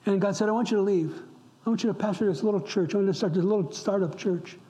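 Speaking fast in a high-pitched, warm voice with a little hiss or hum audible, a middle-aged upstate New York pastor preaches an impassioned sermon in church. Repetition gives his words emphasis, and now and then he sinks to a whisper.

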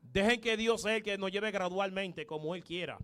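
Male preacher, very high pitch, emphatic and repetitive sermon. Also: normal speed, a bit bright, smooth. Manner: emphatic, repetitive, punchy exclamations.

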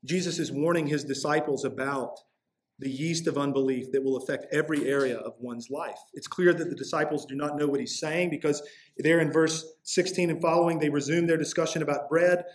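A man's voice: fairly high pitch, fairly even intonation, a little fast. A man preaching a sermon as pastor, earnest and emphatic.

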